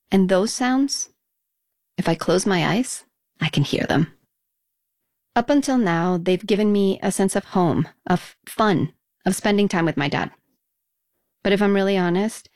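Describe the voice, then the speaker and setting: A woman's voice: mid-range voice, darkish tone, no echo. Reflective woman narrating a radio feature. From Mexico.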